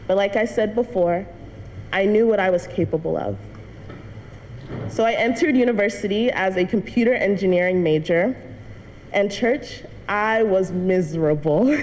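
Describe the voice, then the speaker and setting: Her mid-range voice has a darkish tone as this young woman, a student, shares an earnest testimony with her church congregation, laughing lightly now and then. The recording, made in a church hall, carries long reverb and faint noise.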